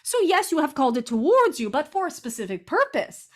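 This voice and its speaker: A woman channeling guidance like a seance medium, with formal, deliberate, stilted phrasing. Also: high voice, very animated. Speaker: trance channeler giving guidance.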